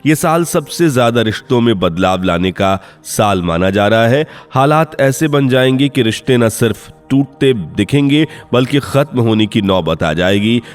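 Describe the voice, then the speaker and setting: A man's voice: mid-range voice, lively intonation, unhurried, few pauses. A man giving dramatic scripted narration for a channel, in an urgent, ominous storytelling manner. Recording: faint background music under voice-over.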